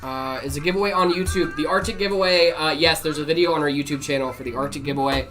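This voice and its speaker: A man's voice: fairly high pitch, fast. A man from North Carolina co-hosting a live stream, chatting casually and reading viewer messages aloud while building a PC.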